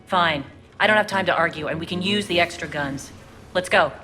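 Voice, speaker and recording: A woman's voice: lowish voice, brisk, pushed and bright. A woman playing a guarded, resolute alien gang leader in a video game, speaking in a clipped, commanding way. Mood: firm, curt. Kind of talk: dramatic video game dialogue.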